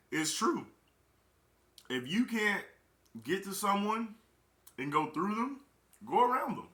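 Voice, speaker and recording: A young man gives a loose motivational talk in a casual, emphatic way, hammering his points home by repeating them. His voice is fairly high and very bright. It rings with the echo of a roomy space. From Chicago, Illinois. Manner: emphatic, repeats key phrases. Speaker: network marketing recruiter.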